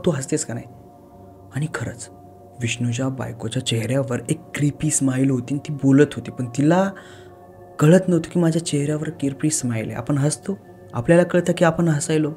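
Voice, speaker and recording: A man's voice: on the high side, warm tone. A man narrating a horror story in a conversational way, often speaking straight to the listener. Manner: conversational, addresses the listener directly.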